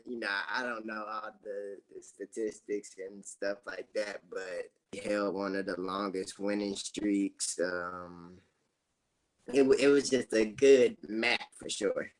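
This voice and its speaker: A young man, a former college basketball player, talking as a guest in a casual interview, relaxed, with fillers and soft laughs. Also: fairly low pitch, low-quality recording.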